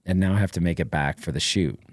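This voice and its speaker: A middle-aged man talks as a guest on a podcast, spilling out a long story in an energetic, rambling way full of fillers. His voice sits very low. The sound is close and dry, like a studio mic with no room around it. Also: quick pace, no room sound. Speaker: podcast guest, former Navy SEAL. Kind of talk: casual interview storytelling.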